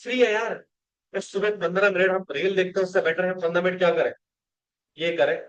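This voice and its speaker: A man's voice: high voice, fairly even intonation, brisk, lo-fi sound. A male company law teacher, giving a classroom lecture and coaching students rhetorical questions.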